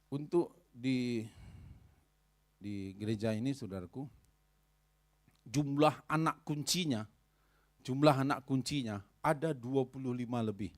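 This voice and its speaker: A man preaching a sermon as pastor, telling stories and speaking directly to the congregation, rising high and loud at emotional peaks. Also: unhurried, long pauses. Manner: storytelling, addresses congregation directly.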